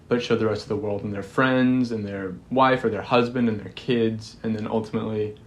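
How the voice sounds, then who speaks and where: A man's voice: lowish voice, steady tone, fairly quick. An eighteen-year-old man speaking earnestly and with feeling in a documentary interview. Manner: earnest, emotional, laughs while talking. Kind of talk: reflective interview.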